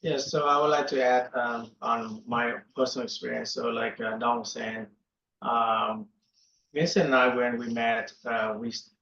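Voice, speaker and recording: A man's voice: mid-range voice, level tone, a little slow, vocal fry, sharp tone, slight background noise. Man, echoey. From Vietnam. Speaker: startup co-founder. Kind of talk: casual panel talk. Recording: echoey, dull lo-fi room sound.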